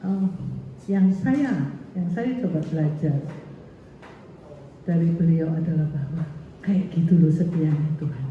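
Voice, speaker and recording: A woman's voice: sits low, slight background noise. A woman pastor giving a chatty sermon full of stories and quoted voices. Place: church hall. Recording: echoey hall from far off, dull.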